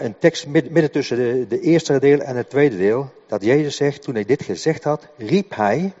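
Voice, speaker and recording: A man's voice: mid-range voice, a little mellow. Older man preaching in an echoing hall. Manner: halting, repeats words while explaining. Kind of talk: sermon. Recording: dull echoing hall recording.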